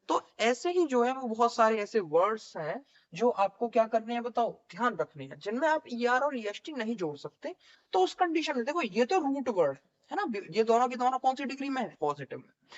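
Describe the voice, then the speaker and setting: हिंदी लहजे वाला एक पुरुष शिक्षक, जो अंग्रेज़ी व्याकरण पढ़ाते हुए खुद सवाल पूछता है और खुद ही जवाब देता है।. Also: male voice, very high voice. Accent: Hindi. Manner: asks questions and answers them himself, repeating key words. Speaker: English grammar teacher. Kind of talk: classroom lecture. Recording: dull lo-fi recording.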